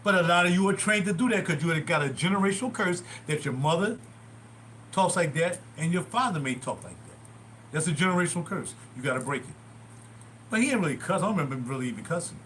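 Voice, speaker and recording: A man's voice: on the high side, fast, a little hiss or hum. A man in his sixties rambling through stories from his youth on a casual livestream, recorded in a small bathroom at home. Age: 60s. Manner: rambling, animated, digressive. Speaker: livestream host. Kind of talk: casual storytelling.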